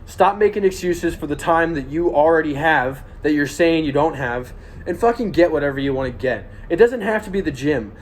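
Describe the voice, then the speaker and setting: A man's voice: a little high, lively intonation, moderate pace, a little hiss or hum. A young man giving an earnest, blunt, swear-heavy motivational monologue to viewers while walking on a treadmill. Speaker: vlogger.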